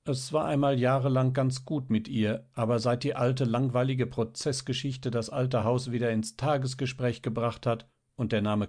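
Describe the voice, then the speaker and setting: A man voicing a practical, impatient middle-aged mother in a read-aloud story, with a raised, brisk voice. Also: mid-range voice, darkish tone, voice pushed up, close to an everyday voice.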